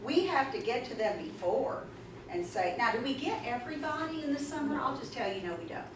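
A brisk, high-pitched woman speaks at a conference, emphatic and animated, chatty with asides, and handles audience questions. Listeners are seated in the conference room, and a far-off camera among them captures echoey, noisy sound.

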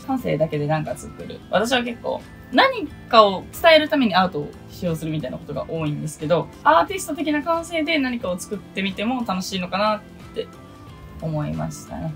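A young woman in her twenties from Okinawa, chatting casually through a list of goals in a solo vlog, with a low voice and self-deprecating asides. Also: very animated, brisk, vocal fry, a bit bright, soft background music. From Okinawa, Japan. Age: 20s. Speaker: idol producer and vlogger.

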